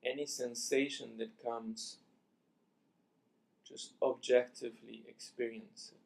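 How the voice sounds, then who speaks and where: Speaking softly in a medium-pitched, creaky voice, a male teacher leads a guided meditation. He gives calm instructions deliberately, in short phrases separated by long pauses.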